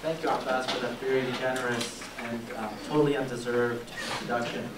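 A middle-aged man from Egypt, raised in Georgia, gives an academic lecture into a handheld mic. He explains in a measured way, with "uh" fillers and "right?" asides. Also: mid-range voice, flat delivery. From born in Egypt, raised in Georgia, USA. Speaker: guest lecturer. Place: lecture room, indoors. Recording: echoey room, distant camera mic, audible noise.

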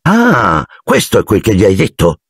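A man's voice: fairly low pitch, huge pitch swings, normal speed, slightly rough, no room sound, studio quality, pitched above the performer's own voice, heavily acted. A man voicing an anxious twelve-year-old boy, the hero's friend, urgent and alarmed, for an audiobook.

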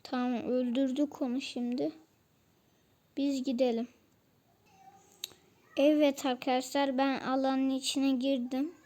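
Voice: high voice, flat delivery, a little slow, pauses often, mellow. A channel host giving casual commentary while playing a shooter game, chatting to viewers and grumbling about weapons.

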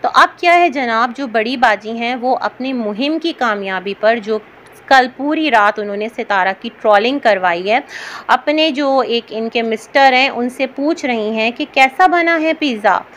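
A woman giving chatty, opinionated commentary in a reaction vlog, often pausing on hesitant fillers. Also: fairly high pitch, fairly bright tone.

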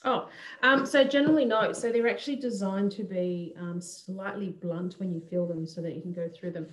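A woman's voice: medium pitch, moderate pace. Woman explaining in roomy sound. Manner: friendly, explains with many ums. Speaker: co-host answering viewer questions. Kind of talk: casual chat.

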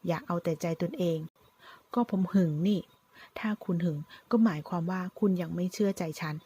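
A woman's voice: lowish voice, brisk, warm tone, husky. A woman reading the lines of a proud young woman firmly reproaching her lover. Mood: reproachful. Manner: firm, reproachful. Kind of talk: storytelling reading.

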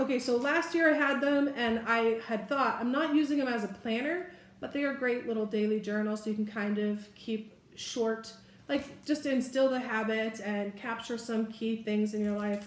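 A woman's voice: a little high, normal speed. A woman in her forties chatting casually and a bit rambling as she shows off her shopping haul to a camera at a table. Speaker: haul vlogger. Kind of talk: casual product haul chat. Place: room indoors, seated at a table. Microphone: camera in front at table distance. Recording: echoey room.

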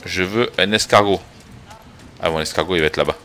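A man's voice: sits low, fairly quick, fairly bright tone. A man streaming a video game live, chatting casually, swearing now and then and greeting viewers as he plays. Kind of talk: casual live gameplay commentary.

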